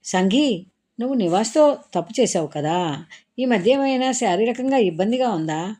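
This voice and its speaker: A woman's voice: medium pitch, expressive, normal speed, mellow, pitched above the performer's own voice, lightly acted. A woman reading a story aloud, voicing a teasing, blunt young woman who pokes at her friends with probing questions.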